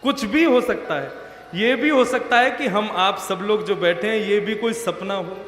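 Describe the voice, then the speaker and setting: A male preacher gives a devotional sermon in a high voice, telling stories and quizzing the crowd. His voice rings with long reverb through a large hall. Music plays behind him. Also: measured pace. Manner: asks the crowd questions and tells stories.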